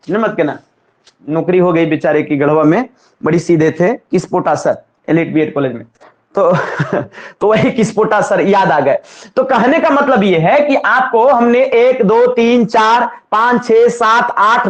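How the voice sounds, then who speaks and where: A male teacher, drilling students in an exam-coaching lesson with call-and-response repetition. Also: high-pitched. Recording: echoey room, slightly dull sound.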